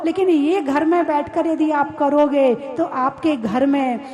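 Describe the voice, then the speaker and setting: High-voiced woman preaching slowly. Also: fairly even intonation. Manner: conversational, teasing, asks the crowd questions. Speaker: Jain nun preaching. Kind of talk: sermon to a live audience. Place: hall with a live audience.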